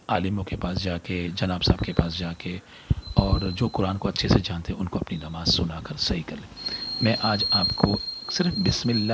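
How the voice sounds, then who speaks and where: Gravelly low-voiced man teaching prayer recitation. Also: heavy background noise. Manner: slow, careful demonstration of recitation. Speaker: religious teacher. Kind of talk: video lesson on prayer recitation.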